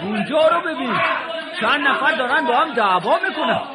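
Man playing a very high-voiced, boastful, clumsy young hero for a kids' audio story. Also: animated, a loud crowd. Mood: eager. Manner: boastful, shouting, groaning in pain. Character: eager young would-be strongman, rash and clumsy.

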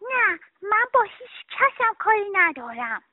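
A woman voicing a little girl who sulks and turns tearful, in a high childlike voice, on a dry, tinny recording. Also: very animated, no echo. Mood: sulky. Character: little girl, sulky and easily saddened. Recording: dry, tinny phone-like sound.

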